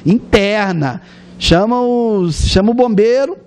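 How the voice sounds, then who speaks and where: A man's voice: sits high, slow pace, darkish tone, pitched above the performer's own voice. A man with a Brazilian Portuguese accent voicing a mocking townsman who scoffs at someone as a madman. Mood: scoffing.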